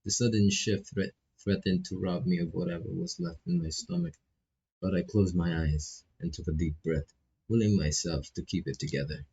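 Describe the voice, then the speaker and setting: A man plays a visual novel on stream and reads the text aloud in English, which isn't his first language, repeating and stumbling over phrases between casual asides. His low voice is gravelly yet mellow, at normal speed. The recording has a dull, lo-fi microphone sound and slight background noise.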